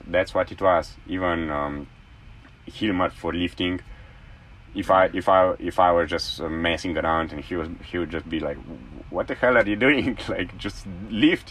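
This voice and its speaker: A young man in his twenties, a former college athlete, talks in a very low, deep voice. He rambles on enthusiastically in a casual interview chat. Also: fairly bright tone, a little hiss or hum.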